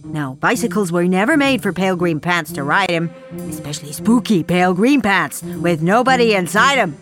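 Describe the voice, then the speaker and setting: A woman reading a rhyming children's story aloud, shifting from hushed lines to shrieking ones. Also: on the low side, animated, normal speed. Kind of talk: dramatic storybook read-aloud. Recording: music playing behind the voice.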